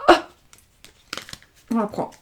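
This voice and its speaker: A woman's voice: slow, a little hiss or hum. A middle-aged woman giving a casual tarot reading, talking in a rambling way with many fillers and restarts. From France. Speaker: tarot card reader. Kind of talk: casual card-reading livestream. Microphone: webcam or desk mic, video call style.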